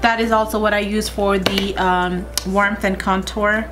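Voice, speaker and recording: A woman's voice: medium pitch, little pitch movement, a little slow, a bit bright. A young woman chatting to her viewers as she walks through a makeup tutorial step by step. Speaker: beauty vlogger. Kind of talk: casual makeup tutorial chat.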